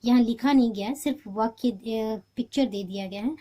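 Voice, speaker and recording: A woman's voice: a little high, moderate pace, warm tone. A woman teacher, patiently explaining a homework exercise step by step. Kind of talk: homework walkthrough lesson.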